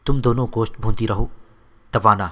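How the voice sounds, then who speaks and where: A man voicing a brave young male warrior who gives calm, firm orders to his family. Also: fairly low pitch. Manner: firm, commanding.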